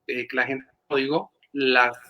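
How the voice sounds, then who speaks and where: A man's voice: mid-range voice, steady tone, moderate pace, muffled recording. A man, a clinical psychologist explaining things in an interview with many fillers and restarts, over a video call. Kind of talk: interview answers.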